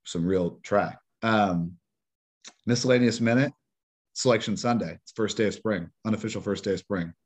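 A man co-hosting a podcast, chatting casually about sports in a rambling, halting way full of restarts. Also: fairly low pitch, husky. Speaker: podcast co-host.

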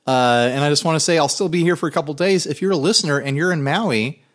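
A man's voice: on the high side, fast talker. A man co-hosting a podcast in casual, laughter-prone chat, recorded in a garage. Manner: laughs often while talking. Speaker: podcast co-host.

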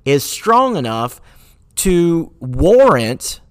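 A man's voice: a little high, big pitch swings, extremely slow, no echo, clean studio sound. Earnest man hosting a solo podcast. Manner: earnest, rhetorical questions, frequent fillers and restarts; sarcastic at times. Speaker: podcast host.

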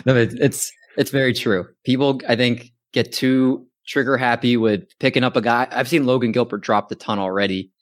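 A man's voice: mid-range voice, fairly even intonation, normal speed, few pauses, no echo. A man hosting a casual fantasy baseball chat, posing questions and steering the talk. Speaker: podcast host, moderator.

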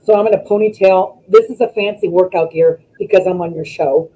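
A woman, a former wrestler, chatting as a guest over a video call, telling stories in an animated way and acting out what people said. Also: on the low side, a little fast, low-quality recording. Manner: animated storytelling, acts out quotes. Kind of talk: casual interview chat.

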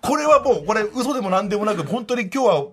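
A man in his forties from Aomori, a guest on a radio talk show, telling stories eagerly and laughing often. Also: sits high. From Aomori, Japan. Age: 40s. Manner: excitable, laughs often, fast eager storytelling. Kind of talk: casual radio chat.

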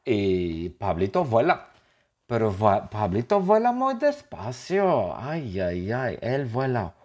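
A man telling an absurd comic story in slow, simple, repetitive sentences. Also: on the low side, huge pitch swings, a little mellow. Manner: playful, absurd, repeats phrases, slow. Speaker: podcast storyteller.

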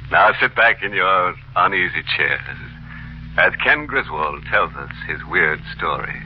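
An actor playing a sinister, punning horror host of an old radio mystery show, in 1940s radio acting. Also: male voice, low voice, expressive, unhurried. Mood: gloating. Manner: macabre puns with chuckles. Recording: dull old radio recording with music.

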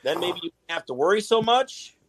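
A man's voice: sits high, animated, brisk, a bit bright, no echo. A man in a casual podcast chat, talking in a laid-back, rambling way with lots of swearing. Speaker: guest, tattoo artist.

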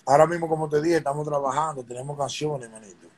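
A man's voice: fairly high pitch, steady tone, quick pace, rough recording. A middle-aged man, chatting casually as a guest artist in an interview, laid-back and streetwise, often checking that he is understood. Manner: laid-back, streetwise, keeps asking "¿tú me entiendes?".

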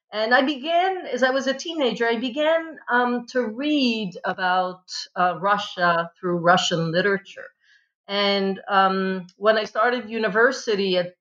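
A woman from Italy, a history professor answering podcast interview questions with many pauses and fillers. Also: medium pitch, a bit bright, highs cut off. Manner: thoughtful, many ums and restarts. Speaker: history professor, guest author.

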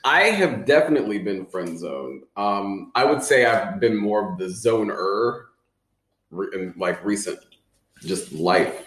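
A man speaks as a podcast guest in a very low voice. He talks in a measured, thoughtful way and pauses on fillers. The room gives a roomy echo. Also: expressive, fairly bright tone. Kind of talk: casual chat.

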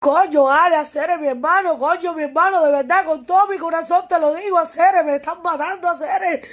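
A woman's voice: very high voice, a little fast. A young woman with a Cuban accent speaking tearfully and wearily, repeating herself with passion and cursing as she pleads with a critic. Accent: Cuban Spanish. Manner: impassioned, repetitive, profane, pleading. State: tearful and weary. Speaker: musician addressing a critic. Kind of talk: emotional direct-to-camera monologue.

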